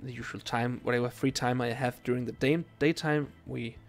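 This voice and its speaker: With a medium-pitched, gravelly voice, a young non-native speaker from Denmark chats casually with viewers during a video game stream. He's relaxed but halting, often using ums and starting sentences over. Faint game music can be heard behind him.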